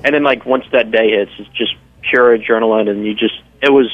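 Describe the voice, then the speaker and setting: A man's voice: on the low side, a little fast, narrow, tinny audio. A man with a Southern US accent from South Carolina, a guest chef talking casually in a radio interview, rambling and saying "like" a lot. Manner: relaxed, rambling, says "like" often.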